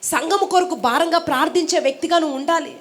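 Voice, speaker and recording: Woman preacher, high voice, emphatic, rhetorical questions, repeating phrases. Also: quick pace. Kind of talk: Telugu sermon.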